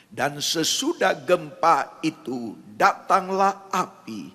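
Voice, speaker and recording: Male scripture reader, husky, measured and unhurried delivery. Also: a little high. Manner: measured, steady reading. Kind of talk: reading scripture aloud.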